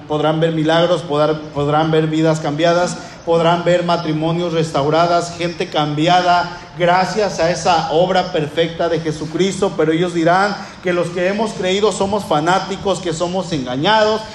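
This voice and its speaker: A man's voice: fairly high pitch, echoey room, slight background noise. A man preaching a sermon in an impassioned, repetitive style that builds emphasis.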